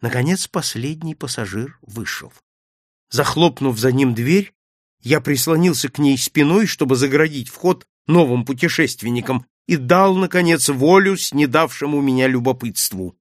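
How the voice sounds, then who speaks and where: A man reading a first-person adventure story aloud with dramatic, expressive storytelling. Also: mid-range voice, normal speed, no room sound, studio quality. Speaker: audiobook narrator. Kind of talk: first-person literary narration.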